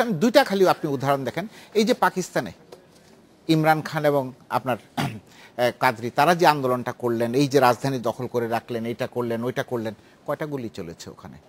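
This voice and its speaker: A man speaking as a guest on a political talk show, lively and full of restarts and asides. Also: medium pitch. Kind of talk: animated studio discussion.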